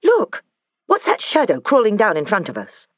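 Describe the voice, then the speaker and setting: A man voicing an eager, excitable young boy. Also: high-pitched, brisk, dry recording, muffled recording, pitched above the performer's own voice, exaggerated voice. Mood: excited.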